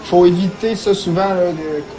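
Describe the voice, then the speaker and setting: Quebec guy doing colour commentary on racing, pretty high voice, short little remarks. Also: steady tone, moderate pace. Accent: Quebec French. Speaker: motorsport co-commentator.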